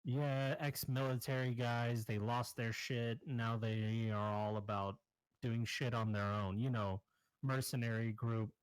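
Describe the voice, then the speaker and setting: A man's voice: medium pitch, steady tone, a little slow, smooth, no echo, lightly acted, poor audio. Man voicing a jittery shady arms dealer. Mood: nervous. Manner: defensive, pleading, evasive.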